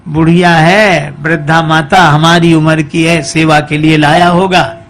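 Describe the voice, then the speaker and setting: A man's voice: on the high side, flat delivery, measured pace, a bit bright. A man voicing a bossy old village mother-in-law who scolds. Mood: scolding.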